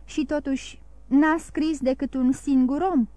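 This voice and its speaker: A woman's voice: sits high, steady tone, warm tone, no echo, natural voice. A woman reading the part of a proud young nobleman who speaks coldly and accuses. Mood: accusing. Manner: cold, challenging, accusing.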